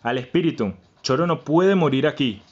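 A man hosting a let's-play, chanting and repeating words and swinging between low mutters and yells. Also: expressive, normal speed, husky, highs cut off. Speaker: gaming channel host. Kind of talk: excited let's-play commentary.

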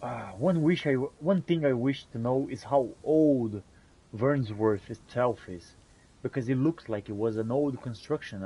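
A man voices a musing, companionable fantasy adventurer as in-character gameplay commentary, using theatrical, archaic phrasing about his journey. His mid-range voice is dark and husky, and the audio is poor.

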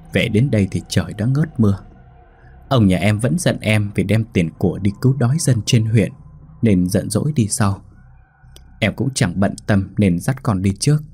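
A man's voice: fairly low pitch, dark tone, husky, no echo. A man voicing a grieving wealthy village wife who tells her story through tears and breaks into wailing for her husband and children. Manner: sobbing, pleading lament. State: crying.

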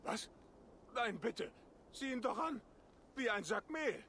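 An anxious Norse man in a video game. His voice is high and swoops animatedly as he pleads, with faint ambience behind it. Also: lively intonation, slow pace, pushed and bright, a little hiss or hum, heavily acted. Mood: pleading. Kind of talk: video game character dialogue.

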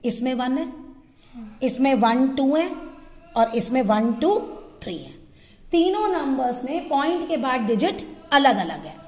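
A woman's voice: high-pitched, sing-song, unhurried, long pauses, a little mellow, long reverb tail. A woman math teacher explaining a lesson step by step, asking her students questions and answering them herself. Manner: patient, asks and answers her own questions. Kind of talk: classroom-style tutorial explaining at a board.

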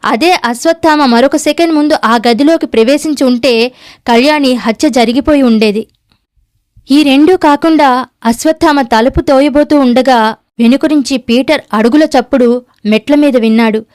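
A woman's voice: high-pitched, moderate pace, a little mellow, dry recording, studio quality. A woman narrating a novel aloud, reading every character's lines herself in a near-natural voice. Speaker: audiobook narrator.

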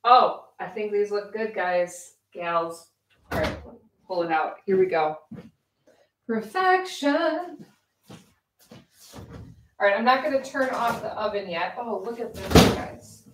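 A woman's voice: mid-range voice, animated, slow pace, long pauses, fairly bright tone, slight background noise. A woman in her forties, chatting in a rambling, casual way with viewers while baking live in her home kitchen, picked up by a camera on the counter. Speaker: vlogger hosting a live cooking stream.

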